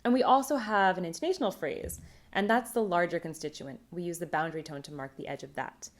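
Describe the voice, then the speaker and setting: A woman presenting a recorded academic conference talk on linguistics, explaining terms in a clear, measured way. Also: fairly low pitch.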